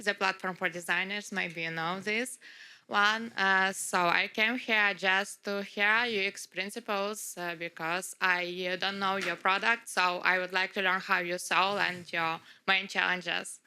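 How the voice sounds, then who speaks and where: A woman's voice: mid-range voice, sharp tone, clear, resonant tone. A woman from Ukraine, a product designer, introducing herself politely and a little hesitantly at a workshop. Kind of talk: self-introduction.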